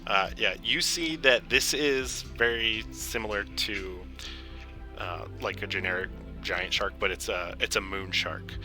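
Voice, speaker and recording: A man running a tabletop fantasy game as dungeon master, narrating casually and haltingly as he improvises. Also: lowish voice. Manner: halting, informal, searching for words. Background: background game music.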